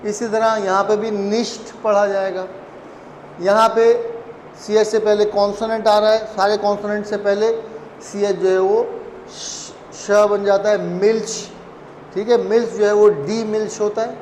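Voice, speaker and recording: High-voiced man teaching in an echoey room. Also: flat delivery, moderate pace, a little mellow, slight background noise. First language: Urdu. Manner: chatty, joking asides, many fillers. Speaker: German language teacher. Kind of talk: casual spoken lesson.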